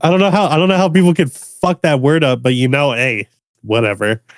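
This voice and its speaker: Young man, relaxed podcast guest, loose and chuckling, dry close sound. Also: a little high, fairly quick, no echo. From United States. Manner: laid-back, laughs often, repeats words. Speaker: guest bass music producer. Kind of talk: casual podcast conversation.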